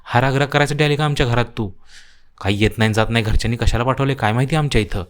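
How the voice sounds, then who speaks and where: A man's voice: medium pitch, racing, close to an everyday voice. A man voicing a harsh, grumbling old woman of the house in a cartoon story, with a bitter, complaining way of talking.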